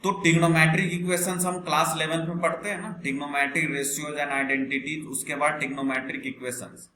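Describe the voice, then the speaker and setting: A man with a slightly high voice teaches a maths class online, speaking at a moderate pace in a level, pushed, bright tone. He patiently calls his students "beta" and asks them questions as he explains. The room is echoey, with faint background noise.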